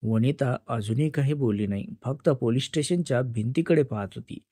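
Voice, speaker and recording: A man narrating a dramatic story in a steady storytelling manner. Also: mid-range voice, brisk, breathy edge, no echo, clean studio sound.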